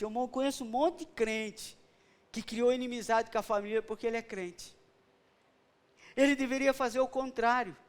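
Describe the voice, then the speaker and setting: A middle-aged man with a Brazilian Portuguese accent, preaching a sermon as pastor and telling stories with rhetorical questions. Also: high voice.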